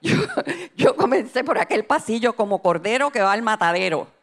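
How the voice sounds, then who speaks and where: An older woman preaches with animated, emphatic storytelling. Her voice sits a little on the high side. She drives each point home with fervor. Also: normal speed. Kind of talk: sermon testimony.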